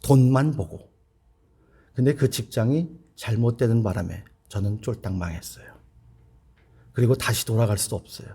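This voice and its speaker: Husky-voiced man preaching. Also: mid-range voice, normal speed, long pauses, mellow. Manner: earnest storytelling, acting out quoted dialogue. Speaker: pastor. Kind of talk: revival sermon. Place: church.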